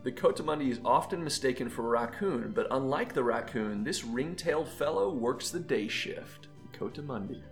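A man's voice: mid-range voice, lively intonation, moderate pace, hardly any pauses, faint music behind. A man hosting an animal quiz, reading playful clues and teasing the contestants. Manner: jokey, teasing, laughs between lines. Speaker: quiz host.

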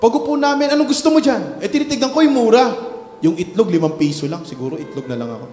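Speaking fast in a high voice with a darkish tone, this preacher tells of his childhood, then rises into emphatic preaching, switching between Tagalog and English. The sermon echoes through a hall where faint music can be heard.

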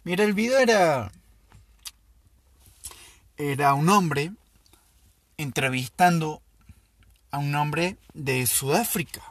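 A man who hosts a show and tells a story in a casual, unhurried way, pausing often to think. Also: on the high side, a bit bright, no room sound. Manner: slow, thoughtful, with pauses and fillers. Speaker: podcast host.

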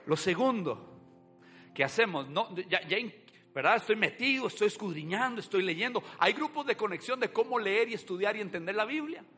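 Man, pastor, high voice, animated sermon, soft music underneath. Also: brisk. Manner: animated preaching, swings from soft to shouting.

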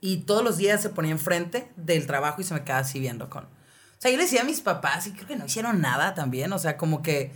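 Mexican woman on a podcast, just chatting, slangy and animated, lots of "o sea" type fillers. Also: sits low, quick pace. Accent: Mexican Spanish. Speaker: podcast co-host. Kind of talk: casual chat, personal storytelling.

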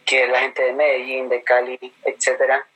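A man's voice: medium pitch, monotone, normal speed, fairly bright tone. A man from Colombia with a fairly neutral coastal Colombian accent touched by inland speech, telling his experiences casually as an interview guest. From Colombia, Caribbean coast. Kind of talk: casual conversational storytelling.

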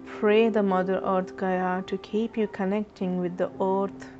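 Woman meditation guide, unhurried soothing delivery, slightly muffled audio over soft music. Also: mid-range voice, flat delivery. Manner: slow, soothing, instructive.

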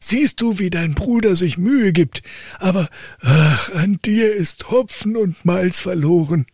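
A stern, tired old peasant father from a fairy tale, voiced by a male storyteller who lifts his voice high above his own to scold. The sound is husky, close and dry. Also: a little slow, a little mellow, no room sound, full character voice. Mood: reproachful. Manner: lifted, scolding and sighing.

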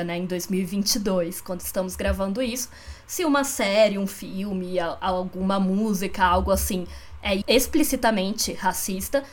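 Casual Brazilian woman co-hosting a podcast. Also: mid-range voice. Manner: conversational, frequent tag questions. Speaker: podcast co-host.

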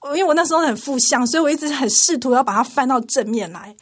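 A woman's voice: high voice, expressive, quick pace. A woman, a radio interview guest giving an earnest, emotional personal testimony. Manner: earnest, emotional storytelling with frequent laughs. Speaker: interview guest, TV department manager.

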